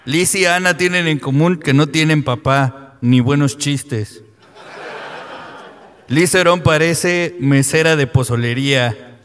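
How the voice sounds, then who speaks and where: A man roasting fellow comics with quick deadpan insults. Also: a little high. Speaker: roast comedian. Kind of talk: comedy roast jokes. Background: audience.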